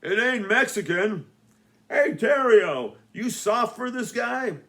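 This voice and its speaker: A man doing loud, jeering high school goons. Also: animated, takes it slowly, full character voice. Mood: rowdy. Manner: mocking, rowdy. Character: loud, dim high school bully boys.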